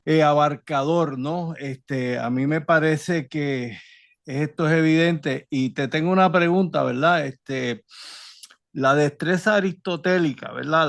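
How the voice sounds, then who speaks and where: A man's voice: on the high side, gravelly, no room sound, clean studio sound. A man on a video call who asks a long, careful question in a seminar, hesitating often and adding tag questions. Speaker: student asking a question.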